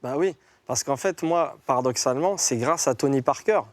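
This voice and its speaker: A man's voice: mid-range voice, normal speed, no echo. A middle-aged former basketball player, a man telling stories in a casual, colloquial way on a talk show. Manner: animated, colloquial, acts out the voices of others.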